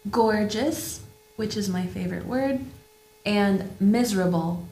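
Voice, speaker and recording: A British woman speaking slowly and expressively as a guest modeling English. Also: medium pitch, dark tone. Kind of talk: modeling pronunciation and chatting. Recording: roomy echo with mains hum.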